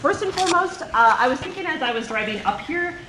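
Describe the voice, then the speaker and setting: A woman's voice: high-pitched, lively intonation, fairly quick, background noise. A woman giving an informative, friendly presentation to a room of coaches and athletic directors, recorded by a camera at the back of the room. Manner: friendly, informative, with frequent ums. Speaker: state athletic association staff presenter. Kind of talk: meeting presentation. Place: large meeting room with seated audience. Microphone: far camera at back of room.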